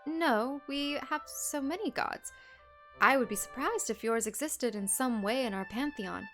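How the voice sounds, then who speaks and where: A woman's voice: sits high, unhurried, fairly bright tone, soft background music, voice pushed up. A woman reading as a courteous foreign trader woman.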